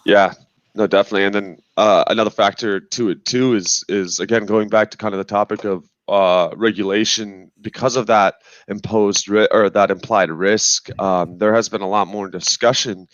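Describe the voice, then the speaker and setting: Male panelist, fairly low and dry, halting analytical talk, slightly muffled sound. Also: fairly even intonation, fairly bright tone, no echo. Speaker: podcast panelist. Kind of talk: casual analytical discussion.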